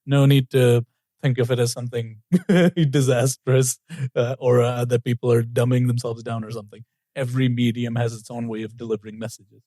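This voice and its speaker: A man co-hosting a casual podcast, chatty and easygoing, with frequent little laughs. His voice is mellow and dark-toned. The sound is dry and close, with no room in it. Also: mid-range voice, normal speed, no room sound. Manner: laughs often, relaxed and chatty. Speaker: podcast co-host.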